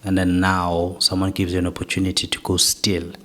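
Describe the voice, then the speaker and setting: As an interview guest, a young South African man reflects on his life story in a soft, low-pitched voice, often closing his points with "right?". His delivery is completely flat and fairly quick.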